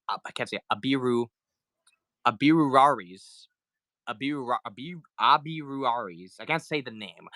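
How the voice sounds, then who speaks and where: Bright-voiced man selling toys live. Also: on the high side, no echo. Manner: chatty, greets viewers, counts down sales. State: sick with flu, coughing. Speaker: livestream toy seller. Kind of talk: casual live-selling chat.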